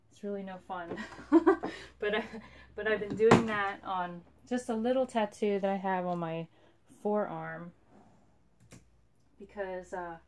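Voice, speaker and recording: A woman chatting casually and unhurriedly as she demonstrates soap making, rambling and letting phrases trail off. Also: medium pitch. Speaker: soap maker, video host. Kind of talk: casual chit-chat over a soap-cutting demonstration. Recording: clearly noisy home recording.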